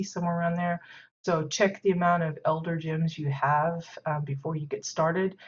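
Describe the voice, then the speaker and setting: A woman hosting a game stream, touring player housing in casual commentary, stuffy-nosed and rambling with many fillers. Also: sits low. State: stuffy nose from sneezing. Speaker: game stream host giving housing tours. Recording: dull lo-fi stream audio.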